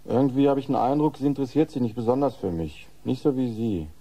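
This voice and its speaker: An actor playing a flirtatious, sarcastic, rebellious patient with a husky voice in a German horror radio play. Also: male voice, medium pitch, fast, mellow. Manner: insistent, cheeky.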